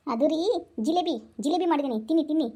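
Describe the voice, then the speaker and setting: A woman's voice: high-pitched, very fast, dark tone. A woman playing a bossy, demanding young wife in a comedy sketch, scolding and then coaxing with pet names. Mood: insistent. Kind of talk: comic sketch acting.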